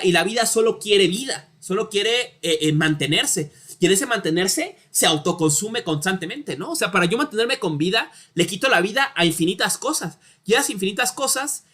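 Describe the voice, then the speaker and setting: A man's voice: high voice, a bit bright. A man with a Mexican accent giving an informal philosophy lecture, talking conversationally, often tagging questions and repeating words as he thinks. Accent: Mexican Spanish. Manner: conversational, frequent tag questions, stumbling repetitions.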